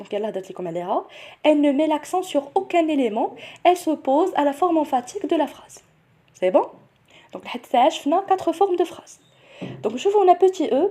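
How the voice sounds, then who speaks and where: A young woman with a Moroccan accent and a high, mellow voice teaches a grammar lesson to students preparing for nursing school entrance exams. Switching between French and Moroccan Arabic, she explains each point step by step and keeps checking in with "c'est bon?" to see if it's clear.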